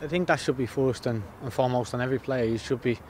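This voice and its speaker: A man in his thirties, a footballer giving a post-match interview outdoors by the pitch, plain-spoken and repeating words as he thinks. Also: quick pace, a little mellow, a little hiss or hum.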